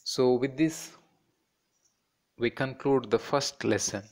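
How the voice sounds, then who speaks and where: A man teaching a children's lesson, slowly sounding out words one by one to show their syllables. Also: mid-range voice, darkish tone. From India. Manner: very slow, stretching out each word to model syllables.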